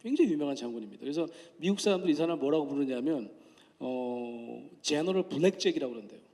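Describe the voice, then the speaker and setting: A male professor gives a public lecture, chatting with the audience and acting out voices when he tells stories. His voice sits a little high for a man. The sound carries a long hall reverb. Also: animated, fast, mellow. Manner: conversational, asks the audience questions; acts out quoted voices in anecdotes.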